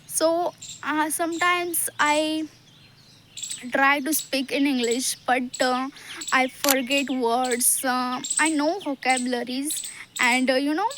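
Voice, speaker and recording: A woman with an Indian accent from Maharashtra, talking to camera in halting learner English with many hesitations and restarts. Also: sits high, fairly even intonation, a bit bright, slight background noise. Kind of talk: casual talk to camera.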